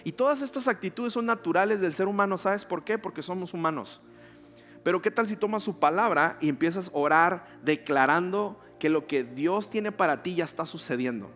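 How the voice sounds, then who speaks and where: A man's voice: high-pitched, moderate pace, fairly bright tone, faint music behind. A male pastor, preaching a conversational sermon full of rhetorical questions.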